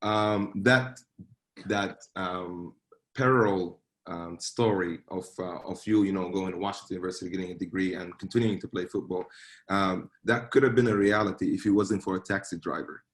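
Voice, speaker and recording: Deep-voiced male interviewer, halting, filler-heavy, formal. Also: fairly even intonation. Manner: hesitant, many fillers and slow phrasing.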